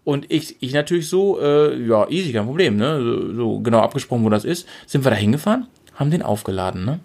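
A young man from Lower Saxony, telling a long anecdote in casual chat and acting out the quotes. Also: quick pace. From Lower Saxony, Germany. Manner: animated anecdote-telling, acting out quotes with big pitch jumps. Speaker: storyteller.

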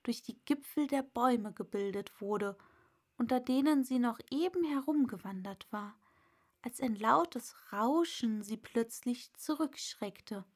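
A woman narrating a storybook aloud in an unhurried, expressive reading. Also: on the high side. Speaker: audiobook narrator.

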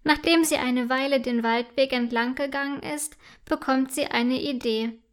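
A woman narrating a children's story in a gentle, clear and expressive way. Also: high voice, moderate pace.

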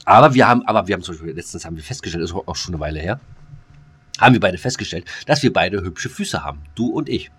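This podcast co-host has a low, slightly bright voice with a breathy edge, and he speaks quickly and with animation. He chats loosely and meanders, leaning on fillers, false starts and coarse slang.

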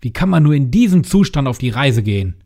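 A man's voice: mid-range voice, sing-song, mellow. A man doing a curt, unfriendly innkeeper. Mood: scolding. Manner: curt, dismissive, slow. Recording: music behind the voice.

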